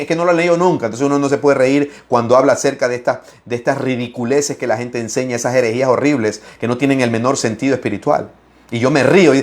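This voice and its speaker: A middle-aged man preaching in an animated Bible-study talk. He swings his voice up and down and laughs as he speaks. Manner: expressive, raises and lowers his voice, laughs while speaking; acts out opponents' lines in mocking voices.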